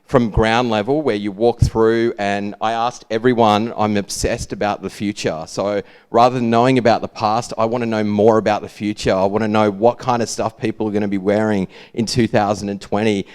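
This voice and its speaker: A man's voice: lowish voice, steady tone, normal speed, darkish tone, smooth. A man with an Australian accent and a lazy, laid-back drawl, giving an informal, rambling talk about his own work. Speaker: speaker presenting own brand work.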